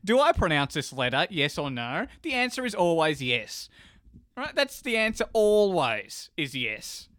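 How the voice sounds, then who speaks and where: A man's voice: fairly high pitch, very animated, a little slow, fairly bright tone, no echo, clean studio sound. A man arguing a mock debate with playful pomposity.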